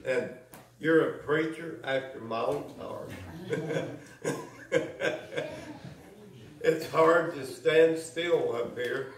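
Folksy church elder, slow and chuckling; higher voice, far from the mic in a roomy church. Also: male voice. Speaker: closing speaker at a church service. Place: church sanctuary. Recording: echoey church from a distance.

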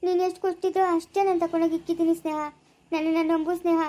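A woman's voice: extremely high pitch, level tone, rapid-fire, dark tone. A woman playing a middle-aged village woman who pleads tearfully that she is innocent. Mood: pleading. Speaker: foster caretaker of Sneha. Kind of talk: amateur family drama.

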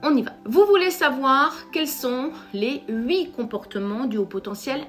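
French woman therapist host, fairly high voice, emphatic to camera, faint music under. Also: a little slow. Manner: lively, emphatic, addresses viewers directly. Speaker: psychotherapist and YouTube host. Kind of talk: direct-to-camera explainer talk.

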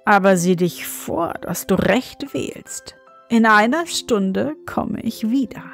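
A woman voicing a grumpy old woman who guards an enchanted castle. She talks unhurriedly and quietly reproachful. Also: medium pitch, animated, slow pace, creaky, faint music behind. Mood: warning.

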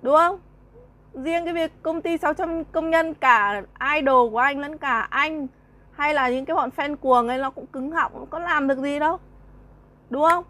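High-voiced woman, mocking and scornful. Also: moderate pace, sharp tone. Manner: mocking, scornful, laughing between jabs, repeating rhetorical questions. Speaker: vlogger. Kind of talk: heated monologue addressing a rival.

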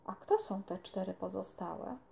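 A woman's voice: medium pitch, a little slow, creaky, a little mellow. A woman doing a cheerful country boy.

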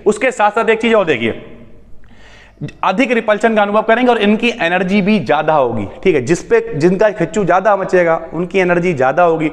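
High-voiced man teaching in an echoing hall. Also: brisk. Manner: asks and answers his own questions, chatty asides. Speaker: chemistry teacher. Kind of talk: lively classroom lecture.

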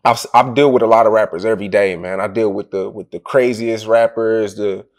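A man asks questions in a loose, rambling way, circling back over his words. His voice sits on the low side. His tone is casual and conversational. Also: fairly even intonation, brisk. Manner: rambling, many fillers and restarts. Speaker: interviewer. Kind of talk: casual interview.

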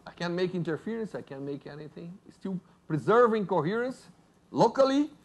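Brazilian-accented male lecturer, lively. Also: sits high, normal speed. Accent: Brazilian Portuguese. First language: Portuguese. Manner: lively, jokes with audience, asks "right?". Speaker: physics lecturer. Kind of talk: university lecture.

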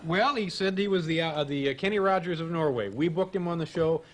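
Seated at his desk on a TV studio stage before an audience, a talk show host in his thirties jokes in a dry, mock-serious way on a late-night comedy show. He speaks a little high and a little fast into a desk microphone.

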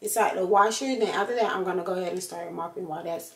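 Fast-talking and on the low side, a young lifestyle vlogger narrates her apartment cleaning to camera in a slangy, animated way. The handheld or propped camera sits close in her kitchen and living room, picking up echo and faint ambience.

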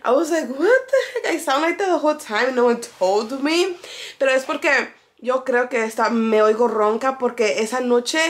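Young woman chatting to her phone cam, upbeat, a bit high, flips spanish and english. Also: brisk. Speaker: vlogger. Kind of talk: casual vlog chat.

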